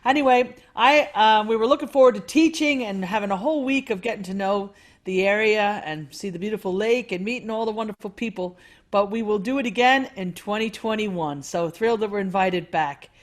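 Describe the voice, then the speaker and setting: A woman's voice: mid-range voice, fairly quick. A woman speaking casually as the leader introducing a band.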